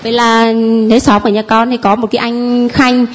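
A woman's voice: fairly high pitch, little pitch movement, moderate pace, noisy background. A woman telling the priest and congregation about healings, speaking hesitantly with many fillers. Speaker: congregant giving testimony. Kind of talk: spoken testimony.

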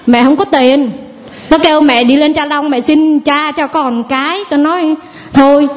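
High-voiced young mother telling her story. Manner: chatty storytelling, acts out family quotes. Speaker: audience member giving testimony. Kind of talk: nervous personal testimony.

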